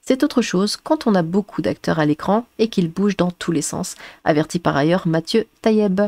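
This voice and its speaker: A synthetic clone of a woman's voice, reading a summary in an even, steady way. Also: on the low side, normal speed, dry recording. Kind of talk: AI-translated voice reading a book summary.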